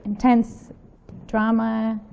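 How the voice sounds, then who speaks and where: Gravelly, mellow Irish woman. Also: fairly high pitch, level tone, extremely slow, a little hiss or hum. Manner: enthusiastic, warm, laughs often. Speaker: actress and guest. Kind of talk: casual chat interview.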